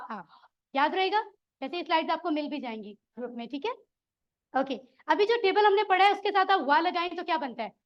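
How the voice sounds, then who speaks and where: A woman leads a classroom lesson in a very high voice. She keeps encouraging her students and asks them questions. The recording sounds dull and lo-fi. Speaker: Quran Arabic teacher.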